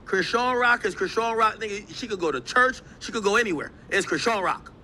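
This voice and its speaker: A male streamer reacts to clips and talks to his chat with emphatic energy. His voice sits high and sounds very bright, and his pitch swings widely. A little noise hums behind him. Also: brisk. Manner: animated, emphatic, addresses chat directly. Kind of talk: live stream commentary. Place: New York.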